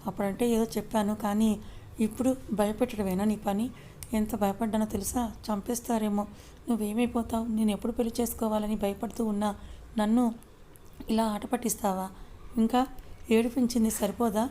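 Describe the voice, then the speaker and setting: A woman's voice: medium pitch, flat delivery, brisk, dark tone, slight background noise, close to an everyday voice. A woman storyteller voicing a sulky, playfully complaining young wife in an audio story. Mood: sulky complaint. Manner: pouting, complaining.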